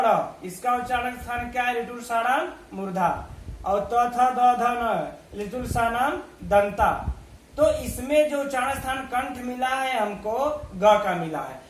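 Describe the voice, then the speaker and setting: Male grammar teacher, very high voice, slow and methodical, echoey room recording. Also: a little hiss or hum. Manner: slow, methodical, recites letters one by one, asks and answers his own questions. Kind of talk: online video lesson.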